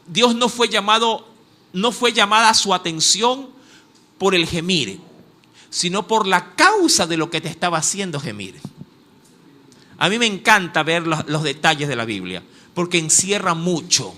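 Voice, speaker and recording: Emphatic Ecuadorian male pastor preaching, high bright voice, very lively delivery. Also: measured pace, pauses often. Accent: Ecuadorian Spanish. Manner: emphatic, repetitive, addresses listeners as "my beloved". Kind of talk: sermon.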